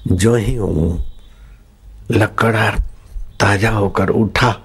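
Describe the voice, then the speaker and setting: A man preaching a sermon, telling a story slowly with drawn-out phrasing and bursts of laughter. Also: lowish voice, steady tone, breathy edge. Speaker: spiritual preacher.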